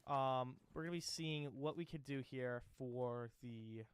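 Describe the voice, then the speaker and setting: An esports caster delivers easygoing play-by-play in a mid-range male voice, speaking a bit slowly. He's chatty and relaxed, tossing out "bro" and "dude" and letting sentences fade into fillers.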